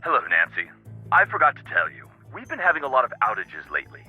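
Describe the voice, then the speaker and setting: A man's voice: medium pitch, huge pitch swings, fast talker, music in the background. An actor playing a busy, confiding male scientist in a video game, matter-of-fact, in dull-sounding audio. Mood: casual, reassuring.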